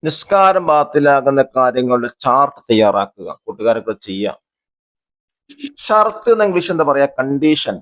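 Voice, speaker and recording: A male religious school teacher going through a workbook chapter for students. He reads each passage, then breaks it down in a steady, mid-pitched voice. He poses questions and answers them himself, and he glosses the terms along the way. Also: moderate pace. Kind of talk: textbook lesson explanation.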